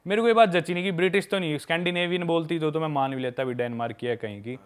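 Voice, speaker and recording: Smooth, fast, and pitched on the high side, the young man's voice carries his travel tales on a podcast where he's a guest. He makes travel videos and keeps the storytelling chat casual, upbeat, and blunt, repeatedly calling the listener "brother."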